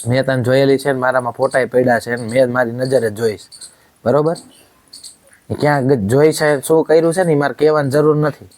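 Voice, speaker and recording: A man's voice: mid-range voice, fairly even intonation, a little fast, darkish tone, no echo. Angry man scolding. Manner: scolding, accusing, repeatedly demanding agreement. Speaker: angry husband in a short family drama.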